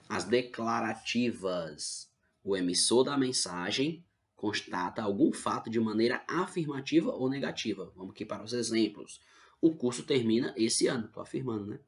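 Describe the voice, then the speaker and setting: A man's voice: fairly low pitch, animated, measured pace, creaky. A male teacher with a Brazilian Portuguese accent, explaining grammar patiently in an online class and checking in often with the students.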